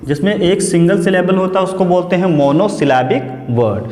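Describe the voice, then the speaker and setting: A man teaching grammar in a classroom lesson, slow and deliberate, repeating key words and asking rhetorical questions. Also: sits high, expressive, darkish tone. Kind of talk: classroom lesson, explaining step by step. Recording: echoey classroom with long reverb.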